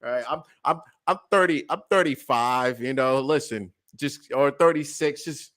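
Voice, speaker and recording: A man in his late twenties co-hosting a podcast, chatting casually in an animated, joking way, with frequent stammered restarts and laughter. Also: mid-range voice, measured pace. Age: late 20s. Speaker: podcast co-host. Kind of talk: casual chat.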